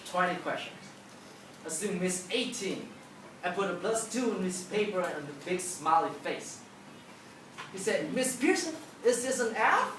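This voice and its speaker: Woman doing a motivational teacher talk, really emphatic storytelling, super echoey hall w some noise. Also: on the low side. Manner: emphatic storytelling, acting out dialogue. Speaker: public speaker, teacher. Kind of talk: motivational talk to a live audience. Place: large auditorium with an audience. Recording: echoey hall, distant, noisy.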